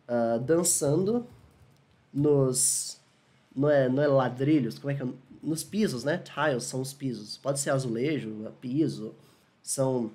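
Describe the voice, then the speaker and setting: A man with a Brazilian Portuguese accent giving a casual video English lesson, upbeat, often asking viewers if they agree and slowing down for English examples. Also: mid-range voice, darkish tone. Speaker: English teacher.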